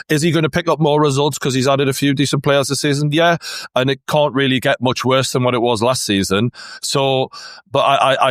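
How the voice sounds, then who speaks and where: A man's voice: mid-range voice, fairly bright tone, dry recording, studio quality. A man with a Newcastle accent giving blunt, sweary opinions in a casual football discussion as the show's host.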